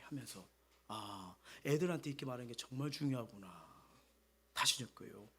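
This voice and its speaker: A middle-aged male pastor preaching a Sunday sermon, moving between loud exhortation and soft, quiet asides. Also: medium pitch, normal speed, slightly rough.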